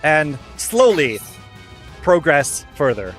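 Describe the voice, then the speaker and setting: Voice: medium pitch, sing-song, slow pace, soft background music. A game master running a tabletop game on a live stream, chatty and often breaking into laughter.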